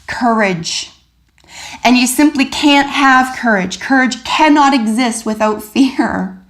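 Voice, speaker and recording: A woman giving a general tarot reading to her viewers, animated and enthusiastic, with many fillers and restarts. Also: sits high, slow. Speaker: tarot reader.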